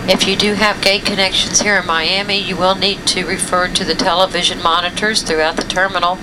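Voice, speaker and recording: A woman's voice: lowish voice, flat delivery, a little fast. A woman flight attendant making a formal, courteous scripted airline cabin announcement. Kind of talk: airline cabin announcement after landing, like an airport announcement. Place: inside an aircraft cabin. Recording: loud aircraft cabin noise.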